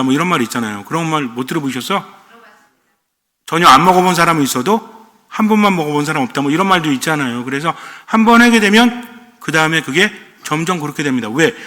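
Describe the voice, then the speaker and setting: Male priest, fairly high and bright, chatty lecture homily full of questions to the congregation, hall echo. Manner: conversational, quizzes the audience with rhetorical questions.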